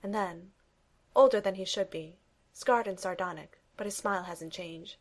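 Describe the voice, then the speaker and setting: A woman narrating a romantic story aloud, reading every character's lines in her own voice with gentle emphasis. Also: medium pitch, moderate pace. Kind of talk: fan fiction reading.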